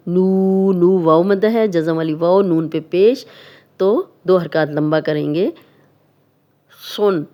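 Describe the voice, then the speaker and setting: A woman with a Pakistani Urdu accent teaches tajweed in a mellow, fairly low voice. She explains each rule patiently and step by step, then stretches recited words out slowly.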